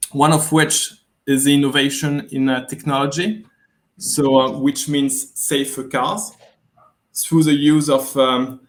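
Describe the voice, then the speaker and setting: This guest executive from France speaks with a French accent in an online webinar interview. His voice sits at a medium pitch, and his delivery is measured and hesitant, full of fillers.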